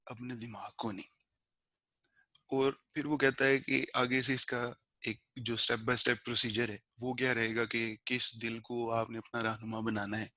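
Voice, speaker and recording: A man talks through a spiritual lesson the way a teacher explains to friends, unhurried and conversational, now and then dropping in English words. His voice sits at an ordinary middle pitch. The recording is dry and close, with no room sound. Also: fairly bright tone, no room sound. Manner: slow measured recitation of a prayer verse.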